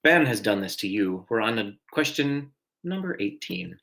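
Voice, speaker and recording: Male trivia host, lowish voice, chatty, self-deprecating, quick to laugh at himself. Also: sing-song, vocal fry, a bit bright, low-quality recording. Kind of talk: live-streamed trivia hosting.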